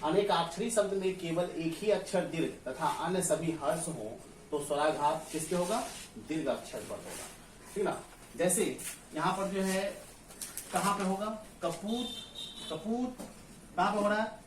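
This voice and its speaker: Echoey teacher, far from the mic. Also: male voice, sits high, normal speed, a little hiss or hum. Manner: asks the class questions and answers them himself, often checks "clear?". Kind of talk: classroom grammar lesson. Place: classroom. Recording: echoey room, far from the mic, faint ambience.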